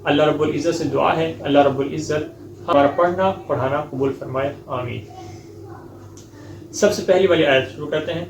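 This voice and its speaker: A high-voiced man teaches Quran recitation one verse at a time, stopping often to check that his learners follow. He explains each common mistake, then chants the verse slowly and melodically. The recording sounds echoey, with a faint hiss underneath. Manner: repeats "ٹھیک ہے؟" to check understanding. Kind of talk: step-by-step recitation lesson.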